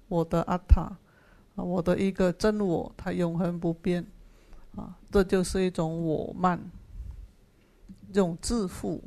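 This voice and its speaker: A Buddhist sutra teacher giving a dharma class, patiently explaining Pali terms, repeating key phrases and filling pauses with drawn-out "ah"s. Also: medium pitch. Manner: patient explaining of Pali terms, asks and answers own questions.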